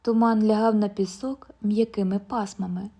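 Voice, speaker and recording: A woman narrating a literary audiobook in a measured, calm storytelling manner. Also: medium pitch.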